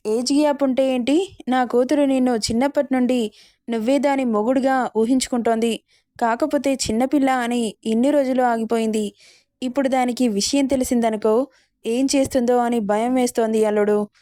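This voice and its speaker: A woman's voice: a little high, fairly even intonation, moderate pace, mellow, no room sound, studio quality, lightly acted. A woman voicing a middle-aged aunt in a spoken storybook, pleading and worried for her daughter.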